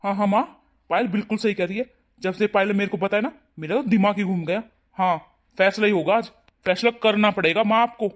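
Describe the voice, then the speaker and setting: A woman's voice: mid-range voice, fairly quick, pitched below the performer's own voice, natural voice. A woman voicing an agitated young husband in a cartoon story, talking insistently and sounding worked up. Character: young adult husband, agitated and siding with his wife.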